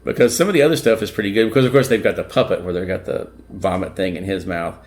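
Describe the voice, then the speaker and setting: A man with a somewhat low voice talks through a movie's plot in a loose, easygoing way. He hosts a horror podcast and chats casually with his co-hosts. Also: quick pace. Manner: rambling, relaxed plot recaps. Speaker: podcast host. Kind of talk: casual film-discussion chat.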